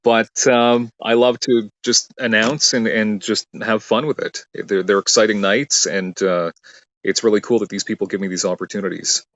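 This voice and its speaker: Deep-voiced man, radio host, eager chatty interview, dull lo-fi sound. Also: fairly even intonation, normal speed, fairly bright tone, no room sound. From Canada. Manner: chatty, eager, many fillers and restarts. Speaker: radio host and ring announcer. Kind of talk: casual interview chat. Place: radio production studio.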